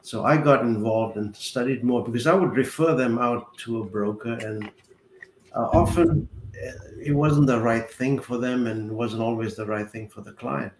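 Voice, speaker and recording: A man in his sixties from South Africa, a guest accountant explaining finances in a measured way, walking through worked examples. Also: medium pitch. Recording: roomy echo with faint ambient noise.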